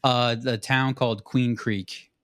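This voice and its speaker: A young man from southern Arizona hosts a podcast in a relaxed, easygoing way. He fills his speech with "dude" and "like". The recording is dry and close, with almost no room sound. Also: medium pitch, slow, clean tone, no echo. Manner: laid-back, says "dude" and "like" constantly. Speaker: podcast host. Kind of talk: casual conversation.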